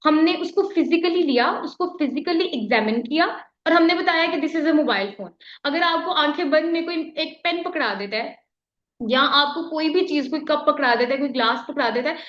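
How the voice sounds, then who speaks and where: Urdu-accented lady teacher, high voice, explains slow n patient, echoey dull classroom recording. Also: fairly bright tone. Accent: Pakistani Urdu. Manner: explains patiently, mixing English terms, often checks "theek hai?". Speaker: chemistry teacher. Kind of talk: classroom lecture.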